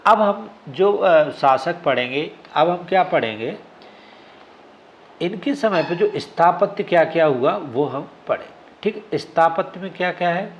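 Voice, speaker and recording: A man's voice: fairly high pitch, lively intonation, measured pace, muffled recording, a little hiss or hum. A male exam coaching teacher giving a classroom lecture. He keeps asking questions and answering them himself, often checking with "ठीक है?".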